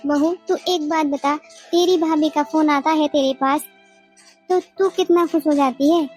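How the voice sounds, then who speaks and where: A woman's voice: high voice, steady tone, a little slow, darkish tone, soft background music. A woman voicing a bossy, scolding mother-in-law in a family cartoon. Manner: nagging, scolding.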